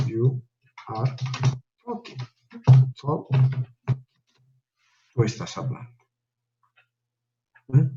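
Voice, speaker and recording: A man's voice: medium pitch, a little mellow, dull audio. A male teacher giving a step-by-step classroom lecture, often checking in with his listeners through short tag questions. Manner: explains step by step, tags lines with "¿no?" and "¿ya?".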